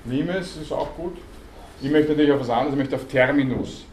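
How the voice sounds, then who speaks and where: A man's voice: mid-range voice, brisk, darkish tone. Male university lecturer, patient and questioning, recorded from the audience in an echoey hall. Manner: explains patiently, quizzes the class, many hesitation sounds. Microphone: student recording from the audience. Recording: echoey hall, faint background noise.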